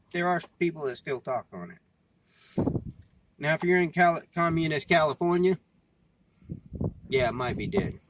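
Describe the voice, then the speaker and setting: An American vlogger and CB radio hobbyist talks in a casual, rambling, folksy way, plainly and with frequent repeated phrases. His voice is mid-range, and the amateur recording sounds dull, with clearly noisy background.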